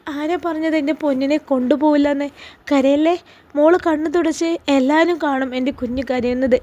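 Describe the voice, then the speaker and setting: A woman voicing a tender young mother, coaxing softly. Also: sits high, fairly even intonation, a little fast, lightly acted. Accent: Malappuram Malayalam. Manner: soft, coaxing, affectionate. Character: tender young mother soothing her daughter.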